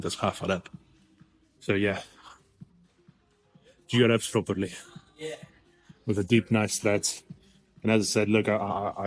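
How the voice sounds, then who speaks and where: A young man giving blunt, rambling gym coaching in a casual vlog, sometimes out of breath between sets. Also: fairly low pitch. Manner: blunt, instructive, rambling with restarts. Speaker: fitness vlogger. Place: indoor gym.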